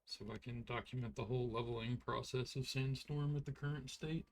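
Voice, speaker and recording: A man's voice: medium pitch, steady tone, a little fast. A man streaming an online role-playing game, giving laid-back, rambling commentary full of "like" while sounding tired. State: tired, yawning. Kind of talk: casual gameplay commentary.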